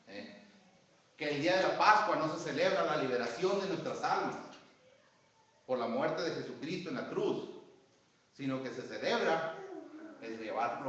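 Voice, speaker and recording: A man's voice: medium pitch, fairly bright tone. A man preaching a sermon to his congregation, speaking to them directly and reading from his notes. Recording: very echoey, distant, dull phone-app live stream.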